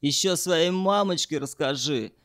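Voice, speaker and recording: A man's voice: a little high, unhurried, a bit bright. A man voicing a hot-tempered, crude tunnel digger who snarls insults. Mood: snarling.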